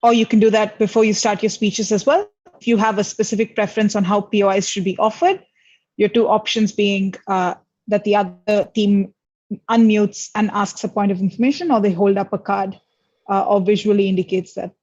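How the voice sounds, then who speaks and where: A woman's voice: mid-range voice, steady tone, a little fast, darkish tone. A woman chairing an online debate, giving polite, procedural instructions over a video call. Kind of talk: formal moderating. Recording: dull video call audio.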